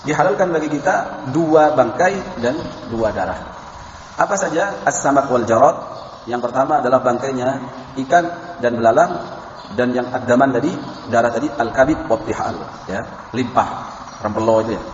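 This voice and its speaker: A man's voice: medium pitch, normal speed. Guy doing a religious lecture, quotes arabic, muffled lo-fi audio with a bit of hiss. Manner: recites Arabic verses, addresses listeners as sir and madam, tells anecdotes. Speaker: Islamic preacher lecturing a class. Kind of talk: religious lecture on halal food. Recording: echoey hall, muffled, faint background noise.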